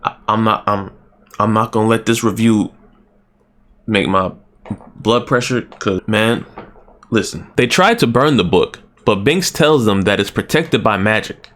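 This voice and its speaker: A man's voice: on the low side, a little slow, fairly bright tone. A man giving a casual, joking movie review, exclaiming and ranting as he goes.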